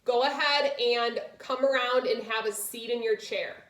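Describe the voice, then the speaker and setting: A woman's voice: fairly high pitch, steady tone, normal speed, a bit bright. A woman yoga instructor guiding a chair class, giving short step-by-step cues. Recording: echoey room, distant microphone.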